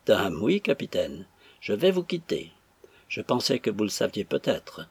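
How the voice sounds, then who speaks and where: Man playing a whiny, self-pitying young servant, gravelly and husky, animated. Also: lowish voice, a little slow, no room sound, exaggerated voice. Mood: wheedling. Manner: whining, tearful protest.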